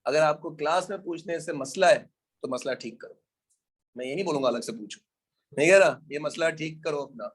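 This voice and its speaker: Husky-voiced man lecturing casually. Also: a little high, brisk. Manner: informal, teasing students, calls them bhai and beta. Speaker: economics lecturer. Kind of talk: classroom lecture.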